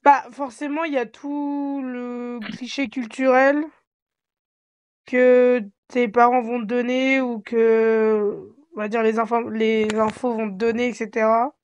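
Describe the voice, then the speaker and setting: A young woman hosting a casual group chat over an online call, her voice a touch high and sitting close and dry on the mic. She talks in a loose, chatty way and often cuts in on the others. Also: flat delivery, clear, resonant tone, no room sound, dull audio. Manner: chatty, quick to interject. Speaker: podcast host.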